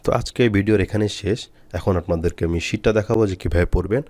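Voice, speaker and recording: A man with a very low voice teaches Quran reading. He spells out letter sounds slowly, stretching each syllable, and repeats his instructions with patience. The recording is dry and close. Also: a little mellow, no echo. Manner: slow, drawn-out syllables when spelling.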